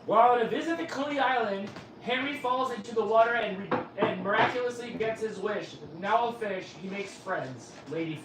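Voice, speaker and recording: Talking fairly quickly with few pauses, a high-pitched man in his forties hosts a livestream, chatting casually with viewers in a rambling, teasing way. There is noise in the background.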